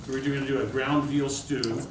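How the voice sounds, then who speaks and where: A man's mid-pitched voice comes from a distance in a noisy room. He is a chef talking through an informal cooking demonstration. His explanations ramble and halt in a folksy way. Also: fairly even intonation, normal speed, echoey room.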